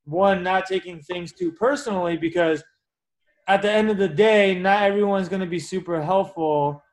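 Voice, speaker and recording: A man's voice: high voice, moderate pace, rough recording. A man hosting a podcast interview, talkative and encouraging as he sums up advice. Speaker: podcast host. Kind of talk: casual interview.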